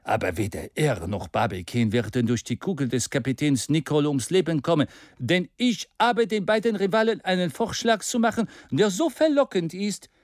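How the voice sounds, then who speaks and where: A man's voice: on the high side, expressive, normal speed, no echo, studio quality, lightly acted. An eager, persuasive adventurer, as a male reader puts him on. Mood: urging.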